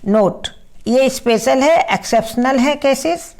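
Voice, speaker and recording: A woman teacher with a slightly high voice walks through a grammar lesson at an unhurried pace. She reads each English example slowly and deliberately, then explains quickly in Hindi. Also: darkish tone.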